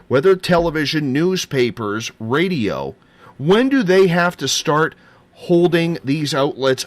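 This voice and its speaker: A man's voice: on the high side, dry recording. A man hosting a paranormal talk show, chatty and rambling, just over a throat and chest cold. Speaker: host.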